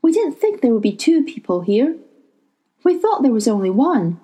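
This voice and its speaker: A woman voicing a steady, protective boy of about twelve who speaks in quiet, firm tones in a storybook reading. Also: fairly high pitch, normal speed, husky, highs cut off, pitched above the performer's own voice.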